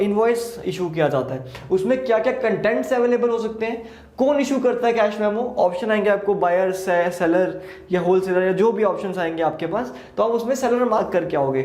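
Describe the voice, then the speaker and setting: Man, accounting lecture, fairly high voice, echoey classroom. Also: darkish tone. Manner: mixes Hindi and English, asks and answers his own questions. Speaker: accounting teacher. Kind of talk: exam-prep lecture. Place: classroom with a board. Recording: echoey room.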